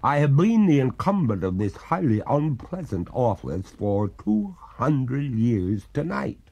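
A man voicing a haughty female water ghost, two hundred years dead, speaking in a slow, gurgling, reproachful way. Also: mid-range voice, sing-song, a little mellow, slightly rough, lo-fi sound, voice pushed up, full character voice. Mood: mournful. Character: haughty drowned maiden ghost, two centuries old.

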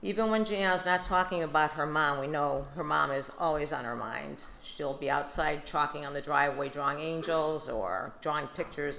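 An older woman with a Midwestern American accent, giving a steady, subdued prepared speech at a podium into a handheld mic. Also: sits low, gravelly, slight background noise. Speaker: grieving mother giving a speech. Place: large banquet hall. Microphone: handheld microphone. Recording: echoey banquet hall.

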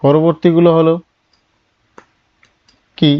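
A man's voice: on the high side, little pitch movement, takes it slowly, dry recording, dull audio. Patient man teaching step by step. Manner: asks questions and answers them himself, drops his voice on answers. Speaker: chemistry teacher. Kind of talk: classroom lesson.

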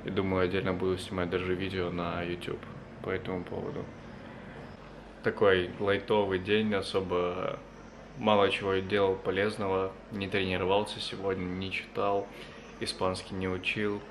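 Speaking in a low monotone at a normal speed, a man in his twenties vlogs casually in a small apartment room. His camera is held at arm's length, and the handheld audio is noisy with audible room ambience.

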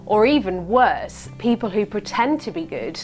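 A young woman leading a children's church video, talking brightly to children at home. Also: mid-range voice, sing-song, normal speed, faint music behind. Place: indoors, plain wall.

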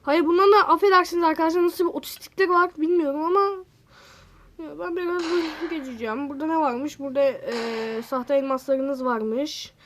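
High pitched woman yelling through a block game, excitable, keeps talking to her viewers. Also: brisk. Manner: excitable, exclaiming and bickering at other players; talks straight to viewers. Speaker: gaming channel host. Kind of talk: casual gameplay commentary.

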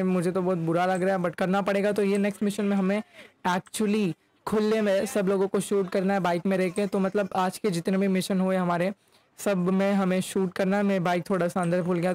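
Speaking into a mic held close in front of his face, a young gaming YouTuber offers casual commentary on his gameplay in a blend of Hindi and English. His voice sits high with a darkish tone.

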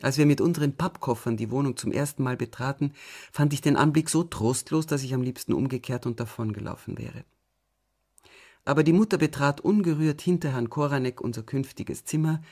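A man narrating an audiobook in a calm, measured way, often going soft at the ends of phrases. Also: medium pitch. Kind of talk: scripted narration.

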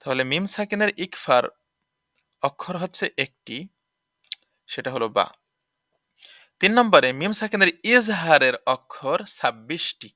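A man's voice: a little high, bright, forceful tone, dry recording, clean studio sound. A man teaching tajweed rules, explaining patiently and repeating each point to check understanding. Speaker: Quran recitation teacher.

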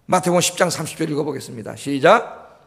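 A man's voice: a little high, fast, creaky. A male pastor preaching a sermon, emphatic, repeating key phrases and asking the congregation questions. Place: church sanctuary. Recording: long church hall reverb.

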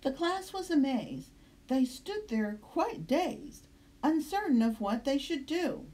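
A woman reads a children's story in rhyme. Her voice is high and animated, with an unhurried sing-song delivery that brings out each verse. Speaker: storybook reader. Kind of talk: expressive children's read-aloud of rhyming story. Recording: roomy, echoing indoor sound.

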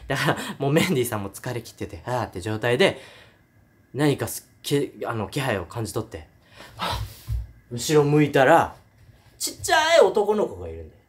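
A man's voice: medium pitch, brisk. A man retelling a horror film in a casual review monologue, acting out scenes with sound effects and voices. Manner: animated storytelling with sound effects and acted voices.

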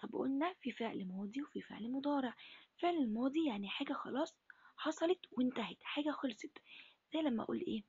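A woman teaching Arabic to first graders in an Egyptian accent, asking questions and answering them herself in a breathy, half-whispered voice. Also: sits high, lively intonation, fast, a little mellow, dry recording, highs cut off. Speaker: primary school Arabic teacher. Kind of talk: recorded lesson for first graders.

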